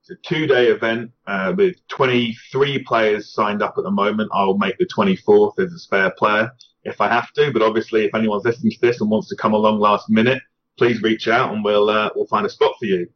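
A man with a Scottish accent, a tournament organizer, talks casually as a guest on a podcast, rambling and often restarting his sentences. His voice is on the low side, steady in tone and fairly quick, and the podcast audio is slightly muffled.

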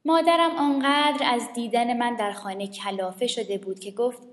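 A woman with a high, light voice reads a children's story aloud. She is lively and lends each character a voice of its own. The recording carries a long, roomy reverb, with faint music underneath. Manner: lively, shifts her voice for the characters. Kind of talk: expressive reading of a children's story.

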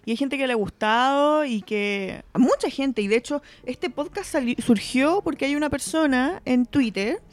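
A young Chilean woman hosting a casual podcast chat, animated and opinionated, laughing easily. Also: sits high, normal speed, hardly any pauses. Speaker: podcast host.

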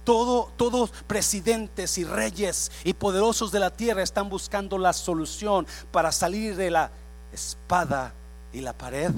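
Male pastor, high voice, sermon, hushed-to-shouting dynamics, faint music bed. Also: unhurried. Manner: swings from hushed to shouting, mixes in English phrases.

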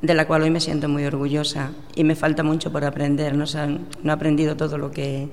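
Middle-aged woman, flat and gravelly delivery, earnest radio interviewee, reverberant room. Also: low-pitched, brisk, a little hiss or hum. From La Mancha, Spain. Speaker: president of a religious brotherhood.

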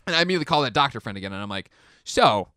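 A young man from the Chicago area telling a long personal story in casual chat, rambling and animated, acting out quotes. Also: very fast, clear, resonant tone, no room sound, clean studio sound. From Chicago area, United States. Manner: rambling, animated, acts out quotes with big pitch jumps.

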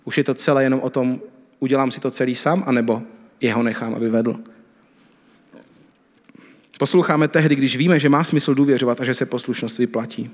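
A man's voice: medium pitch, fairly even intonation, pauses often, big-room sound. A man in his thirties from the Czech Republic, preaching a conversational sermon and telling everyday stories. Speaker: pastor. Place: church hall.

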